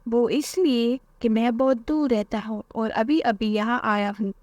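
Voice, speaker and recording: A woman voicing a sly male thief who sweet-talks children in a cartoon story, with a coaxing, quick manner. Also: fairly high pitch, fairly even intonation, darkish tone, no room sound, natural voice.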